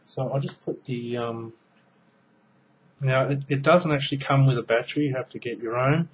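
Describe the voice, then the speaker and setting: A medium-pitched man speaks at a moderate pace over lo-fi audio with a little hiss or hum. In his thirties and from Australia, he reviews a gadget casually at home, rambling with many ums and restarts while his hands are busy. The setting is a small indoor room, recorded by a webcam mic at close range.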